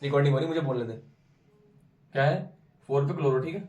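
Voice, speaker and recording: A man's voice: mid-range voice, quick pace, a little mellow, muffled recording. Young male chemistry tutor, echoey room. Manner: drills step by step, repeats answers, teasing and pushy when challenged. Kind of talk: informal classroom explanation. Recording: roomy echo, recorded from a distance.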